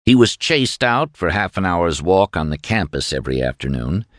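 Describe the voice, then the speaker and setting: A man narrating a novel in a grave, measured manner, his voice sitting low. The pitch moves a lot to carry the tension. Recorded close and dry. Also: very animated, fairly bright tone, no room sound. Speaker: audiobook narrator. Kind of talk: scripted narration.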